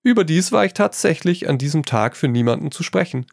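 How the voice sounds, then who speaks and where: A man's voice: on the high side, a little fast, creaky, no echo, clean studio sound, voice pushed up. A man reading a story aloud, voicing a witty, worldly painter who teases his friend and tosses in French phrases. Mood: teasing. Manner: lively, amused, tossing in French phrases. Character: witty amused male painter, worldly and teasing.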